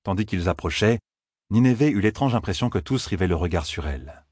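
Deep, husky male audiobook narrator. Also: no room sound, clean studio sound. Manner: steady, measured storytelling. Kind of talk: scripted narration.

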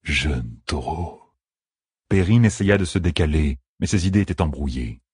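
A man with a very deep, husky voice reads a fantasy novel aloud. His delivery is steady and measured. The sound is dry and close, with no room around it. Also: dry recording. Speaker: audiobook narrator. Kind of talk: scripted fantasy narration.

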